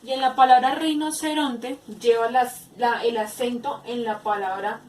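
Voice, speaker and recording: A woman giving a spoken grammar lesson, explaining slowly with many hesitations and repeated words. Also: on the high side, steady tone, slight background noise. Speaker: teacher. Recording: echoey room, far from mic.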